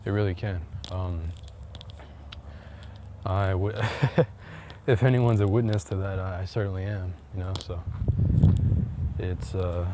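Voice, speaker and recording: A man with a low voice and fairly even intonation speaks slowly, leaving long pauses, as he vlogs on an outdoor walk. His casual talk wanders hesitantly through fillers and restarts, and the mic picks up loud wind.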